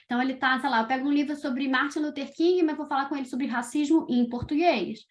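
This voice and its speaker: A woman's voice: high-pitched, steady tone, fast talker. A middle-aged woman from Brazil, a podcast creator, chatting casually as an interview guest, with lots of "tipo" and "sabe" fillers.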